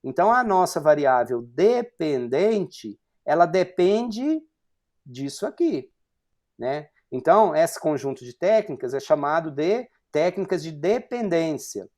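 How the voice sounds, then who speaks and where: A man's voice: a little high, big pitch swings, measured pace, a little mellow. A man in his forties from Brazil giving an online university lecture, explaining step by step with frequent fillers and rhetorical questions. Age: 40s.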